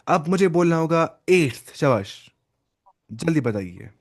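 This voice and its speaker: A man's voice: on the high side, very animated, no room sound. Patient male Arabic teacher, dry sound. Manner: explains slowly, switching between Urdu, Arabic and English, often repeating words. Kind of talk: online class teaching.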